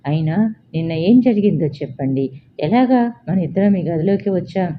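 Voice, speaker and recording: A woman's voice: fairly low pitch, expressive, normal speed, a little hiss or hum, natural voice. A woman voicing a distraught young woman, accusing. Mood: furious accusing. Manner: pleading, accusing. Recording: slightly dull lo-fi.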